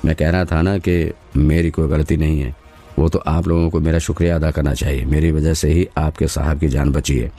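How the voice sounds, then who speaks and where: A man's voice: a bass voice, steady tone, moderate pace, dark tone, soft background music. A man voicing a rambling, crackpot male suspect in an audio drama, talking in a pleading, chattering way. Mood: boastful.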